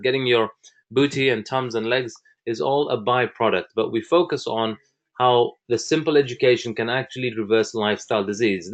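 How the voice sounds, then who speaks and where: A man in his thirties, from the United Kingdom, presenting a fitness program with enthusiasm and frequent fillers like "uh" and "um". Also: mid-range voice. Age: 30s. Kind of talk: presentation talk.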